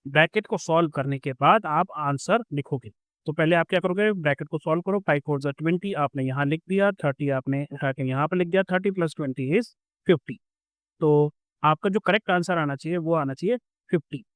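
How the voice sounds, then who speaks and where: A man's voice: on the high side, fairly quick, a bit bright, dry recording. A man teaching a school math lesson, patiently explaining step by step with everyday examples.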